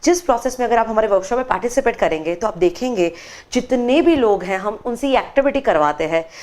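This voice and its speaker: A woman with a slightly high voice talks fast as a guest in a studio TV interview, where she trains people in meditation workshops. She explains those workshops and narrates a story with lots of expression, acting out the characters' quoted voices.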